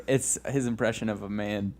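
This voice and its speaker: A man's voice: fairly low pitch, steady tone, moderate pace, darkish tone. A young man co-hosting a comedy podcast in casual chat, rambling and giggling with lots of restarts. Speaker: podcast co-host.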